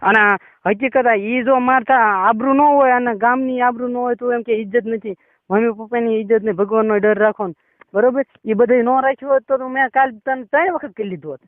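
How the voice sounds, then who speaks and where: A man's voice: very high voice, fairly even intonation, a little fast, no room sound. A man speaking on a private phone call, pushy and insistent, often tagging his sentences with a question. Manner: pushy, insistent, repeats "બરોબર?". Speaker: caller. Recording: tinny phone line call recording.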